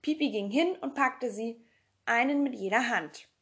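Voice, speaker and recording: A woman with a slightly high voice reads a children's storybook aloud at an even storyteller's pace. She now and then stumbles and corrects herself. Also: measured pace. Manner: steady storytelling, occasional slips. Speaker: reader. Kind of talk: audiobook narration.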